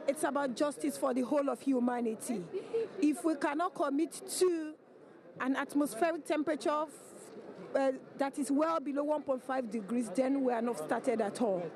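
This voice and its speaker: A woman's voice: high-pitched, normal speed, a little mellow. A young woman speaking emphatically into a handheld mic. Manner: emphatic, repetitive phrasing. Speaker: activist. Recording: crowd noise in hall.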